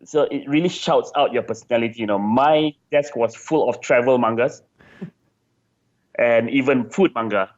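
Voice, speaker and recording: A male game designer is interviewed, sounding chatty and casual at a moderate pace with a mid-pitched voice, repeating himself as he searches for words. The recording is slightly muffled and band-limited.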